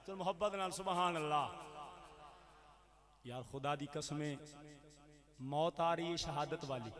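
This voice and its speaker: A man preaching with a Punjabi accent at a wedding gathering, telling an impassioned story and swinging from a soft murmur to loud, chanting delivery. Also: a little high. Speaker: Islamic preacher.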